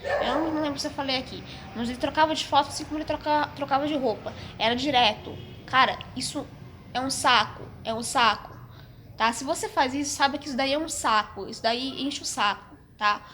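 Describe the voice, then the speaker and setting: Young woman, Brazilian Portuguese accent, slightly high voice, halting casual vlog talk, a little coughy. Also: fairly bright tone, a little hiss or hum. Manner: hesitant, repeats and restarts often, frank. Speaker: vlogger. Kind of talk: casual personal storytelling to camera.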